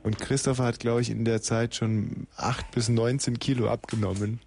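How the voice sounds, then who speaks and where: A male radio host chats live on air. He jokes, laughs often and narrates what is happening in the studio like a sportscaster. His voice sits at a middle pitch. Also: little pitch movement, normal speed, gravelly, a little mellow. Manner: joking, frequent laughter, mock play-by-play.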